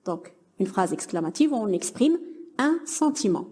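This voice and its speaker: A woman's voice: medium pitch, sing-song, unhurried, warm tone. A young woman teaching a grammar lesson to middle-school pupils, patiently explaining and praising imagined answers.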